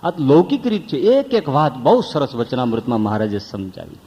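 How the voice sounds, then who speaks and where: A man's voice: medium pitch, lively intonation, normal speed, dark tone. Man, monk's sermon, storytelling, long reverb, dull lo-fi. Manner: storytelling with acted voices, rhetorical questions.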